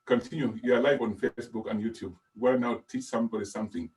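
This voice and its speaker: Male host, prodding, questioning, mid-pitched, off-mic and distant. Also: steady tone, quick pace, darkish tone. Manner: prodding, presses guests with questions. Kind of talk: hosting a live video call. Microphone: video call.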